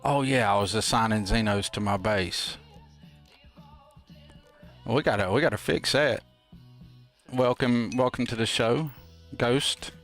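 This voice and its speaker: A man's voice: medium pitch, measured pace, pauses often, a bit bright, soft background music. A man hosting a game stream with casual, folksy, playful and rambling commentary. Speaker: host of a gameplay livestream.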